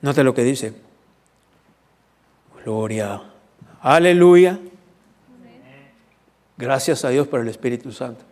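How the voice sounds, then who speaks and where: A man's voice: mid-range voice, steady tone, measured pace, pauses often, darkish tone. Man preaching in a reverberant church hall. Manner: teaching, asks the congregation questions. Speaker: pastor. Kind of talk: sermon.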